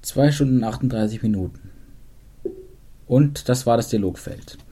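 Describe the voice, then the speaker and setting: A man calmly demonstrating an app, explaining each step in a matter-of-fact tutorial style. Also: mid-range voice, moderate pace, husky.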